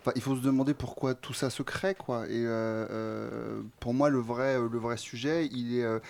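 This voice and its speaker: A man's voice: mid-range voice, fairly even intonation, moderate pace, gravelly, a little mellow. Rambling male radio guest. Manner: rambling, many fillers and restarts, slangy. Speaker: guest, website founder. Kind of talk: casual radio discussion. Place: radio studio.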